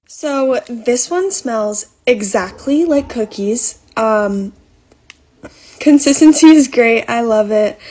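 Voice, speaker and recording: A woman's voice: on the high side, darkish tone, slightly rough. A young woman chatting casually through a product review vlog, bubbly and full of "like". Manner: bubbly, chatty, with many likes. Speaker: social media creator.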